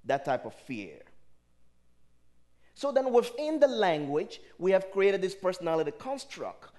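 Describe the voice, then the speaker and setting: Speaking a little slowly, a man with a high, darkish voice and big pitch swings delivers an emphatic motivational sermon to a live audience, asking them rhetorical questions. He is a spiritual speaker from Liberia with a Liberian accent who natively speaks a Liberian dialect.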